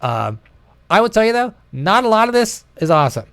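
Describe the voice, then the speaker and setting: A man co-hosts a gaming show, casually chatting, joking and swearing as he reacts to old film trailers. His high-pitched voice is sing-song, brisk and a bit bright, with no echo.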